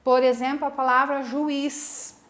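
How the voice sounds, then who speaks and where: A woman's voice: high-pitched, little pitch movement, measured pace. A Brazilian woman teacher giving a video lesson to school pupils, explaining a rule patiently, step by step, and asking the class questions. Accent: Brazilian Portuguese. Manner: calls herself "a prof" in the third person.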